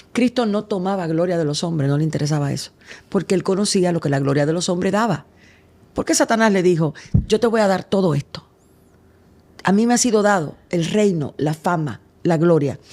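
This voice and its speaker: A man's voice: sits high, darkish tone. A man who is a pastor, talking emphatically in conversation and asking rhetorical questions like a preacher.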